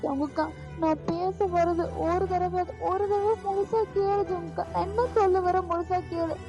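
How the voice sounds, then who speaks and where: A heartbroken young man begs and pleads through tears, voiced by a woman in a fan audio story. The voice sits very high, and soft music plays under a dull, lo-fi recording. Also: steady tone, measured pace. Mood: pleading. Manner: tearful, begging, repeats his name. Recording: lo-fi voice with music behind.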